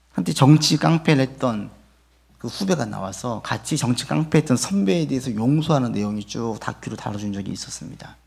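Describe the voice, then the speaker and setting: A man's voice: medium pitch, vocal fry, darkish tone, slightly rough. A male pastor preaching a sermon, telling a story, acting out the people in it and asking the congregation rhetorical questions. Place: church sanctuary.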